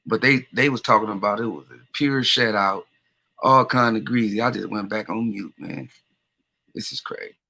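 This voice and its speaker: Gravelly, forceful man giving blunt boxing takes. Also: on the low side, steady tone, moderate pace. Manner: slangy, blunt, terse. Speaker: boxing stream co-commentator. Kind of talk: casual post-fight commentary.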